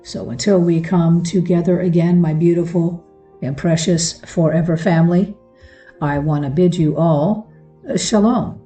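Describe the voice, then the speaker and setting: Speaking a little slowly in a lowish, mellow voice with fairly even intonation, a religious teaching show host offers her followers an informal devotional talk. Her manner is earnest and affectionate, faint music plays behind her, and the recording is roomy and distant from the mic.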